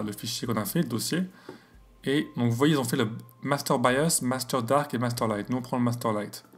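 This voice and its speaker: A man with an English accent hosts a screen-recorded astrophotography software tutorial, speaking casually and hesitantly with many fillers and self-corrections. His voice is medium-pitched.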